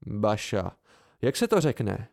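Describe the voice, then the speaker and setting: A man voicing a calm, dry-humored young man who speaks in a measured way, in an amateur audiobook. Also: lowish voice, vocal fry, pitched below the performer's own voice.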